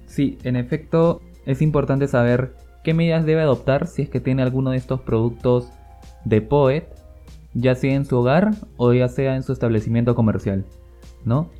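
Man, Peruvian accent, consumer-law specialist, warm tone, measured and methodical, faint music behind. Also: medium pitch, fairly even intonation. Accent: Peruvian Spanish. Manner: measured, methodical, ends points with a tag question. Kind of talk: explanatory expert commentary.

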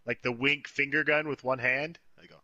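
A man's voice: mid-range voice, steady tone, normal speed, sharp tone, highs cut off. A laid-back, jokey man playing a tabletop game with friends. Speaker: player. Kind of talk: casual tabletop game chat.

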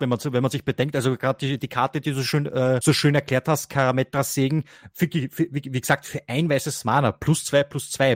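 A man's voice: mid-range voice, dry recording. Rambling German man, dry close sound. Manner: rambling with many restarts and fillers; laughs often. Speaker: co-host. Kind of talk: casual card game podcast chat.

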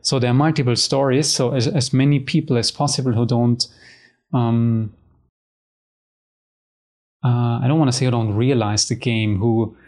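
A man from Austria speaking as an interview guest, conversational and halting, often rephrasing as he goes. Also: medium pitch, fairly even intonation, darkish tone.

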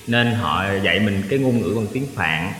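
A man's voice: lowish voice, animated, normal speed, fairly bright tone, slight background noise. A man, a singer guest, talking in an earnest, chatty way and stopping to correct his own word choice. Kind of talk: casual chat. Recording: roomy with long hall reverb.

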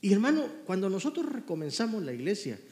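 A man preaching a sermon as pastor, fervent and shouting at peaks, then dropping to quiet storytelling. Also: high-pitched, wildly swooping pitch, fast talker, echoey room.

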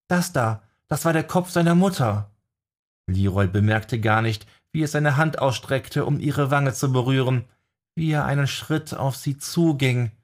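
Man, narrator, audiobook, slow, dramatic. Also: medium pitch. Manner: measured, dramatic storytelling.

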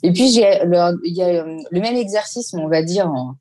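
A woman teacher casually explaining a mindfulness exercise step by step, pausing often to search for words. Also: lowish voice, mellow. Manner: explains step by step with frequent hesitations. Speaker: teacher giving mindfulness advice.

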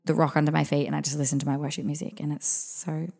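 A woman's voice: deep voice, level tone, quick pace, vocal fry, a little mellow. A young woman guest on a podcast, telling stories in a casual, dramatic way. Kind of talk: casual storytelling.

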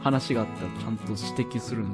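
A man's voice: on the low side, steady tone, racing, over music. A man co-hosting a casual podcast, listening closely and chiming in with frequent agreeing interjections and teasing questions. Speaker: podcast co-host. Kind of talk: casual chat.

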